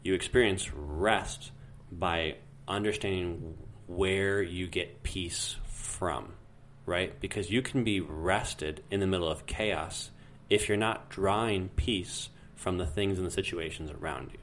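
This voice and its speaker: A man in his thirties co-hosting a casual podcast from home, talking in a relaxed, rambling way with fillers. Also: sits low, takes it slowly, few pauses, a little hiss or hum. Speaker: podcast co-host. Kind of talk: casual chat.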